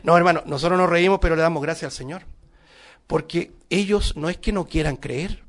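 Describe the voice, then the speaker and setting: A man's voice: a little high, fairly quick. A middle-aged male preacher giving a sermon, emphatic and full of rhetorical questions to the congregation.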